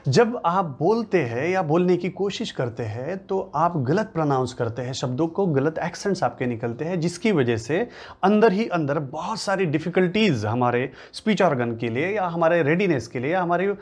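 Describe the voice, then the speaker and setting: A man's voice: a little high, expressive, normal speed, darkish tone, husky. A man giving an emphatic motivational lesson, repeating and listing key points to drive them home. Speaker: English-speaking coach.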